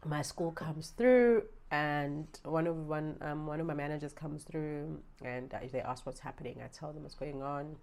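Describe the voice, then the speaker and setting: Young South African woman, South African accent, low voice, animated storytime vlogger who swears and flares up. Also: normal speed, vocal fry, hardly any pauses. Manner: animated, swears freely, swings from low asides to loud outbursts. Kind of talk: storytime vlog. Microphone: small handheld gimbal camera.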